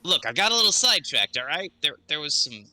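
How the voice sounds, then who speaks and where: An irritable, tiny male pixie sprite, acted by a man running a tabletop game. The voice is lifted, very bright and swoopy. He is pushy, snappish and quick to take offence. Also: on the high side, big pitch swings, heavily acted. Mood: defensive, urgent. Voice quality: small, annoying voice. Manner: insistent, snappish, easily sidetracked. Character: irritable, foul-mouthed little male sprite, often called a pixie.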